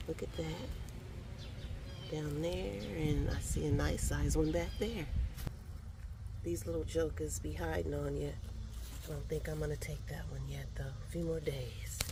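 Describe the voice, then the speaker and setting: A woman's voice: sits low, background noise. A middle-aged woman, chatting enthusiastically to viewers as she works in her backyard garden. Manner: chatty, enthusiastic, talks to viewers while working. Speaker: home gardener vlogger. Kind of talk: casual garden walkthrough vlog.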